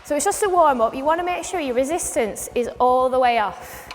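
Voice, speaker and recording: A woman's voice: high-pitched, animated, a little fast, slight background noise. A woman spin instructor informally explaining a bike demonstration step by step. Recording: echoey hall with music behind.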